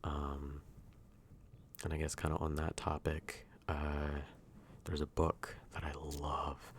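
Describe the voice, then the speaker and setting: Very deep, hushed man, ASMR role-play. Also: monotone, slow pace, slight background noise. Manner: hushed, intimate, near-soft voice at times. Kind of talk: soft-spoken ASMR ASMR role-play, casual rambling.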